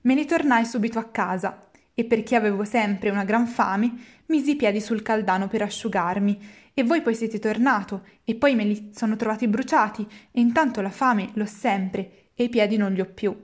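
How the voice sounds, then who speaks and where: A woman's voice: mid-range voice, moderate pace, close to an everyday voice. A woman voicing a whiny, hungry wooden puppet boy who pleads and complains. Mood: whining complaint. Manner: whining, petulant pleading.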